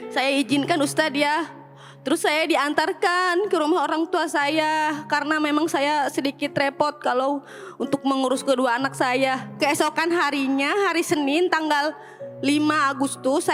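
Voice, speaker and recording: A woman's voice: high voice, fairly bright tone. A woman caller tells a painful personal story and earnestly pleads for a preacher's advice. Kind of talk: emotional personal account and question. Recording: music playing under the voice. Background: background music.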